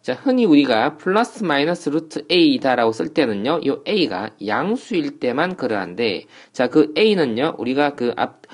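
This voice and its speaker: A man records an online math lesson from a small tutoring room. He explains step by step, often pausing to ask the viewer questions. His pitch rises and falls a lot.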